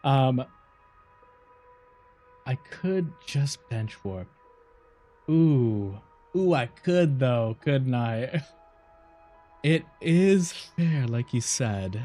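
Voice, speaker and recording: A male streamer giving relaxed, unhurried commentary over his gameplay, musing aloud and laughing often. He repeats himself in frustration when things go wrong. Faint game music plays underneath his voice. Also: medium pitch. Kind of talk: casual live gameplay commentary.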